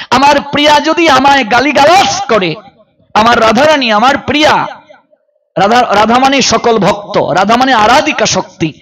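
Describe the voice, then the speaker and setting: A man's voice: extremely high pitch, rough recording. A man preaching a devotional sermon, telling stories and voicing the people in them, asking the listeners rhetorical questions, and at times chanting verse. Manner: expressive storytelling, voicing characters in quoted scenes.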